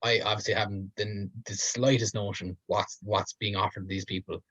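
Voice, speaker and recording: A man's voice: lowish voice, flat delivery, moderate pace, fairly bright tone, slightly rough, dry recording. A man, co-hosting a podcast, talking in a rambling, hedging way full of fillers. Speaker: podcast co-host. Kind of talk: casual chat. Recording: dull lo-fi dry sound.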